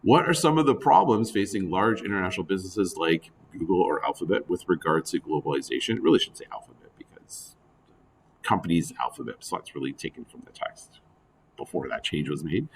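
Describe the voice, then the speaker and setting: A male teacher giving a recorded lecture in a conversational way with asides, his voice going hoarse. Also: low voice, sing-song, brisk, a little hiss or hum. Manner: conversational, with frequent fillers and asides. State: losing his voice.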